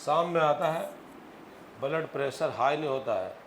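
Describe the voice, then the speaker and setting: A man's voice: fairly high pitch, expressive, normal speed. A man teaching physics, telling a story and quizzing his students. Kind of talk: classroom lecture with storytelling. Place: classroom. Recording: echoey classroom, faint noise.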